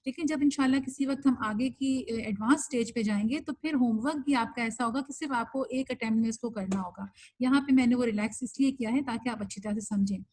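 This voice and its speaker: A woman's voice: a little high, darkish tone, poor audio. A woman teaching an online recitation class, explaining things patiently and mixing English terms into her speech.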